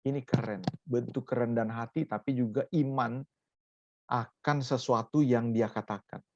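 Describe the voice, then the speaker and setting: A man preaching a sermon as pastor, with sudden loud high bursts and English words mixed in. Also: steady tone, normal speed, lo-fi sound.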